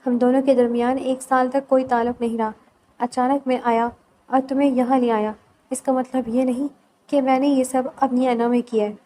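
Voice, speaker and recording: A woman's voice: sits high, level tone, lightly acted, low-quality recording. Woman reading as earnest pleading young husband. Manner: soft, earnest, reassuring. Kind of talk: novel read aloud.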